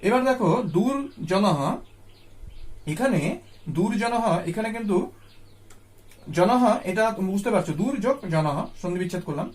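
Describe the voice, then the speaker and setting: A man teaching a grammar lesson to students, patiently repeating each term slowly. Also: high-pitched, expressive, a little mellow. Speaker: Sanskrit teacher.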